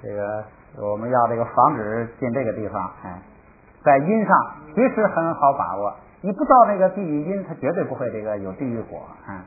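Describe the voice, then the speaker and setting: A man's voice: mid-range voice, sing-song. Male teacher on a tinny line. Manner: thinks aloud with many fillers, repeats words slowly for practice. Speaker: language teacher. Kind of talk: casual spoken lesson. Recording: tinny phone-like audio with faint hiss.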